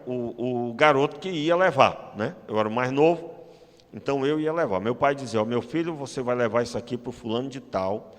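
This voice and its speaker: A Brazilian man with a Brazilian Portuguese accent delivers a sermon in a slightly high voice. He leans hard on key words, slowing down to drive them home, and drops in joking asides. His voice carries a long reverb from a church hall. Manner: emphatic preaching that slows down to stress key words, with joking asides. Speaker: pastor.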